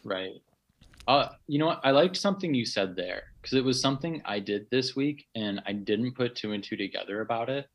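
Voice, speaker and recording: A man's voice: medium pitch, expressive, fairly quick. A man co-hosting a casual podcast conversation, telling rambling stories that keep doubling back on themselves. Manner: rambling, self-interrupting storyteller. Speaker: podcast co-host. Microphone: remote podcast mic.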